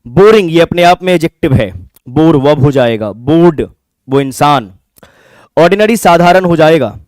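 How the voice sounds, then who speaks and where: A man's voice: a little high, expressive, moderate pace, darkish tone, no echo, studio quality. A man teaching English for an exam, explaining step by step and asking and answering his own questions. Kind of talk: classroom lecture.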